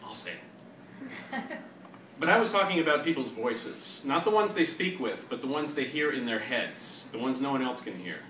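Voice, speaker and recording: In an animated, bright and forceful mid-range voice at normal speed, a poet who co-hosts a reading series addresses a live crowd. He reads aloud and hosts with wry self-deprecation. Sound is echoey, the mic is far away, and the audience is noisy.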